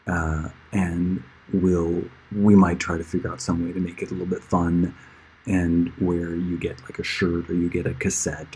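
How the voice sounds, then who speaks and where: Poor audio with a little hiss or hum carries this middle-aged man's low voice. He's a musician chatting informally on a livestream with friends and fans, drifting between asides and chuckling from time to time.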